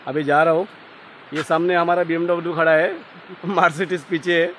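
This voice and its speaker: A man filming a casual travel vlog outdoors by a loud waterfall, excited and jokey, often repeating himself. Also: a little high, moderate pace. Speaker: vlogger. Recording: noisy outdoor recording. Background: waterfall roar and ambience.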